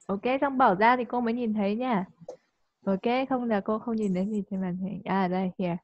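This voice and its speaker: A woman teaching English in a live online class. She coaxes the student and checks understanding with quick tag questions. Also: mid-range voice, fairly even intonation. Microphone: video call. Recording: dull lo-fi call audio.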